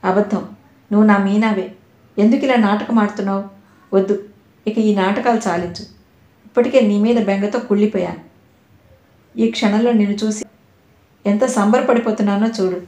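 A woman's voice: mid-range voice, steady tone, moderate pace, long pauses, dark tone, close to an everyday voice. A woman reading a lovesick, pleading young man. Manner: pleading and insistent. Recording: roomy echo.

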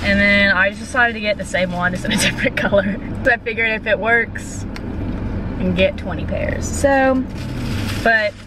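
A woman's voice: mid-range voice, moderate pace, noisy background. A teenage girl chatting in a car as the vlogger's friend, giggly and scattered, losing her train of thought. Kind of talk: casual chat. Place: inside a car.

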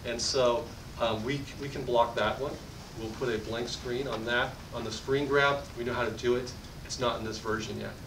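Man pitching tech at a meetup. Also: steady tone. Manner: fast, enthusiastic sales pitch with frequent restarts. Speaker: tech company presenter. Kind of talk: conference product demo. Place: meetup conference room. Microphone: podium mic from far camera. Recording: distant roomy audio with rumble.

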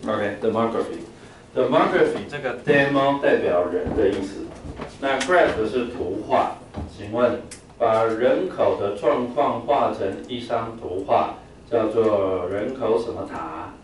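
A male teacher lectures on vocabulary, peppering his explanations with "啊" and leading drills. His fairly low voice comes from across a very echoey classroom. Faint noise sits under the recording. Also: a little slow, distant mic. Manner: explains with frequent "啊" fillers, drills words for the class to repeat.

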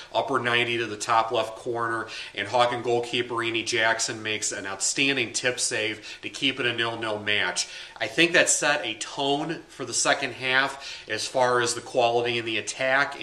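A high school sports beat writer in his thirties breaks down a match straight to camera, loose and conversational, using fillers and gesturing with his hands. His medium-pitched voice has a very bright, sharp edge that echoes around a small, plain indoor room.

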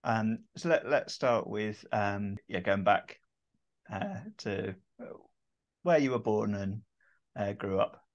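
A middle-aged man hosting an interview from home over a video call, talking hesitantly with many pauses and restarts. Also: lowish voice, muffled recording. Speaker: host. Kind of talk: casual interview chat. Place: home room with shelves. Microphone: video call webcam.

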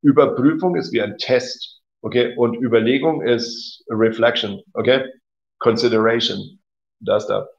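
A man with a gravelly, mid-range voice and fairly even intonation speaks a little slowly. He's hosting an informal German lesson online, where he chats, reads out comments from viewers, corrects them and laughs a lot. The sound is slightly dull and lo-fi.

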